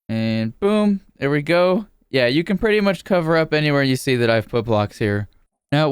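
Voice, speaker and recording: A man narrating a casual game building tutorial as a YouTuber, speaking informally in a steady, repetitive cadence. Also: mid-range voice, smooth, no room sound, clean studio sound.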